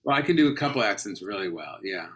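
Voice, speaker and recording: A man's voice: lowish voice, expressive, quick pace, over a noisy crowd. A man from Los Angeles, an actor guest in a casual interview, telling rambling, anecdotal stories full of tangents. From Los Angeles, California.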